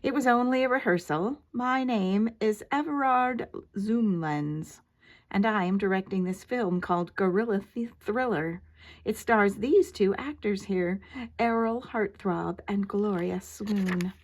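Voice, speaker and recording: Grandma-like woman doing a bossy male film director, excitable, emphatic, raised female pitch, storybook read-aloud. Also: unhurried, natural voice. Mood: friendly, showy.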